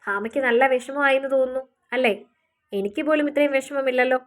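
A woman's voice: sits high, a little fast, natural voice. A woman voicing a jealous young wife who makes cold, pointed remarks, for a storybook reading.

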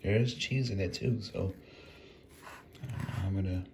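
A man casually reviewing a frozen meal while eating, rambling in a relaxed way. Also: deep voice, a little slow, gravelly, slight background noise. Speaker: food reviewer. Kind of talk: casual food review vlog.

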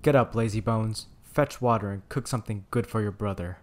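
A man's voice: sits low, fairly even intonation, normal speed, darkish tone, husky. A man voicing a wicked, scornful old witch who scolds harshly in a bedtime storybook reading. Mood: scolding.

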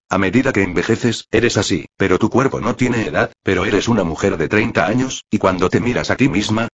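A man reading a translated web novel aloud in a flat, machine-like way. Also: fairly low pitch, husky. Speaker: narrator. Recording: dull lo-fi audio.

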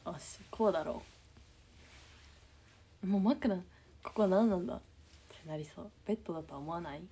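A young woman chatting casually on a livestream just after waking, with a slightly low, husky voice that often drops to a near-whisper. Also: normal speed, dark tone. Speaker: idol livestreamer reading comments.

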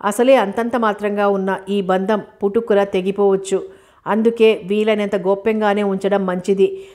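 Steady, flat-voiced woman narrating a novel. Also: mid-range voice, moderate pace. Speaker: audiobook narrator. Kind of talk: novel reading.

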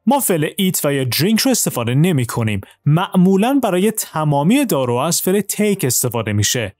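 Guy teaching english, bouncy pitch, talks fast then slows way down on examples, dry mic, soft music behind. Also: no room sound. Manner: fast in Persian explanations, slow and deliberate on English examples. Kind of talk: language lesson, switching between Persian and slow English.

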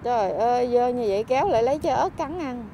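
A woman with a Southern Vietnamese accent, a vlogger chatting on the street who fusses, scolds and keeps exclaiming out loud. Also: on the high side, animated, fast talker, slight background noise. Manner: scolding and fussing, exclaims often. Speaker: vlogger helping homeless people. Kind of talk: casual on-street chat. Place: outdoors by a street.

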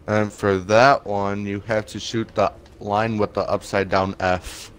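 A man's voice: on the low side, level tone, a little slow, clear, resonant tone. Crude-joking man giving game directions. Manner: patient step-by-step instructions, crude teasing. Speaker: gamer guiding teammates. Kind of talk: casual gaming voice chat.

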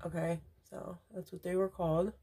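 A woman's voice: lowish voice, little pitch movement, normal speed, dark tone, a little hiss or hum. A woman beauty vlogger chatting casually at home while doing her makeup, rambling into asides. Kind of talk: casual get-ready-with-me chat.

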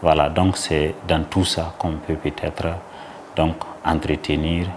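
Deep, flat-voiced man with a Burkinabè French accent, halting interview answer, faint hiss behind. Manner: halting, many fillers.

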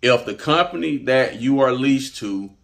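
A man's voice: mid-range voice, lively intonation, measured pace, creaky. A man hosting a trucking advice vlog, talking straight to camera in a blunt, emphatic way and repeating his points. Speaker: trucking channel host.

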